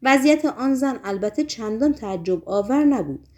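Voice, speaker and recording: Here a woman's slightly high voice reads a novel aloud as an audiobook. She keeps a measured, even storytelling tone that grows softer whenever the text turns descriptive.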